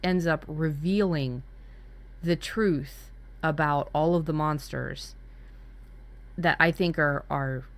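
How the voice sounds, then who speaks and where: A woman with a low-pitched voice speaks slowly and pauses often. She co-hosts a workshop in a casual brainstorming chat, candid and dramatic about spooky ideas, with some swearing.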